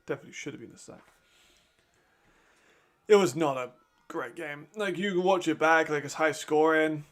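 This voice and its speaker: A man talks his way through a live football game in a loose, casual watch-along. His voice sits a little high, and he chats freely, laughing and restarting sentences as he reacts. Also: moderate pace, soft background music. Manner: casual, chatty, laughs often, trails off and restarts.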